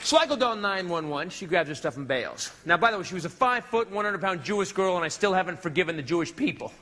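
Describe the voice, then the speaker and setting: A brash male stand-up comedian tells a wild story on stage, his voice pitched high and animated. The live recording carries a lot of background noise. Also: quick pace, some chatter behind.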